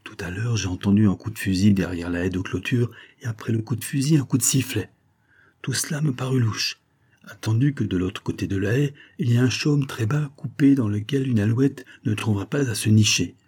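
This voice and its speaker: A sly scheming valet with a low, husky voice, as a male reader puts him on. He drops knowing half-hints and keeps his real thoughts to himself. The tone is dark and mellow. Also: a little fast. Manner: knowing, evasive.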